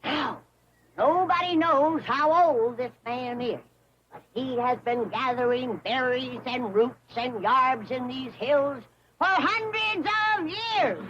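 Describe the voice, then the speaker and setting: Scrappy old hillbilly granny, high, slow-talking, wheedling, barker patter. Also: female voice. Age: older. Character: feisty old hillbilly granny, self-styled doctor. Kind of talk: 1960s sitcom acting. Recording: dull lo-fi TV audio with noise.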